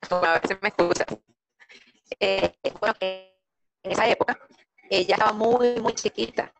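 A woman speaking as an interview guest over a crackly, choppy call connection, soft-spoken and halting, often repeating her words. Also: medium pitch, vocal fry, over music. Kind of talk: casual remote interview. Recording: noisy, crackly remote call line.

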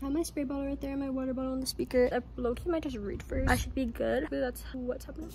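A woman's voice: sits high, steady tone, quick pace. A teenage girl chatting casually to her vlog camera, filling her talk with constant "like"s while recording on a phone outdoors. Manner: chatty, filler-heavy, says "like" constantly. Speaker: vlogger. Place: outdoors on a backyard trampoline.

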